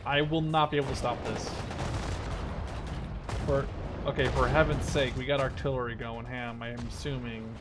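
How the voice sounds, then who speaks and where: With gunfire and artillery from the game battle clearly audible, a man in his twenties from the Netherlands offers casual strategy game commentary. He makes gaming videos and thinks out loud informally, speaking at normal speed in a medium, fairly even voice with frequent pauses.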